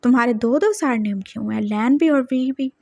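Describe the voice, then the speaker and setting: A woman voicing a wealthy, lonely old grandfather who is gruff and emotional in a spoken story. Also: fairly high pitch, moderate pace, warm tone, no room sound. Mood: stern. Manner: scolding then doting.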